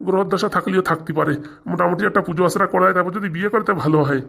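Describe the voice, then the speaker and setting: A bumbling village priest in a cartoon, voiced by a performer, quick-talking and defensive. He fumbles his chants and grumbles back at his nagging wife. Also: medium pitch, steady tone, creaky, fairly bright tone. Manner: defensive, stumbling over chants. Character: bumbling poor village priest man, henpecked. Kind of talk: comic cartoon voice acting.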